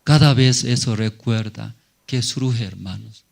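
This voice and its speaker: A man's voice: mid-range voice, a little slow, creaky. A male pastor preaching a sermon in short, simple phrases with frequent rhetorical questions to the congregation.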